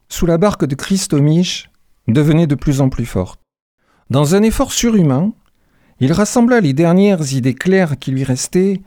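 A man reading a thriller story aloud in a measured, expressive narration. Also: a little high, no echo, studio quality.

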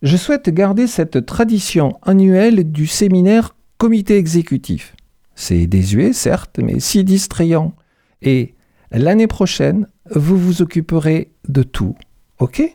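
A man reading aloud voices a cold, scheming female executive who taunts her rival in smug, deliberate tones. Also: on the high side, sing-song, gravelly, dark tone, no echo, studio quality, heavily acted.

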